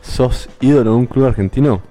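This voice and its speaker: A man's voice: medium pitch, a little fast, warm tone, soft background music. A man, playing a guessing game on a live stream, thinking aloud and repeating himself.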